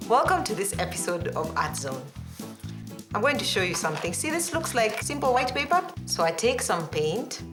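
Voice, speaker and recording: A woman shows children a craft, explaining simply. Her mid-pitched voice moves up and down a lot. It echoes in the room, with music behind it. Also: big pitch swings, moderate pace. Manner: simple, instructive, addressing children. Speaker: children's art segment presenter.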